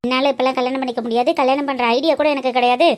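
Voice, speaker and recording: A woman's voice: high voice, little pitch movement, natural voice. A woman voicing Seetha, a young college student in a cartoon who talks earnestly and firmly about her family. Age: young adult. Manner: earnest, firm and quick-spoken. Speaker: cartoon character. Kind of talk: cartoon voice acting.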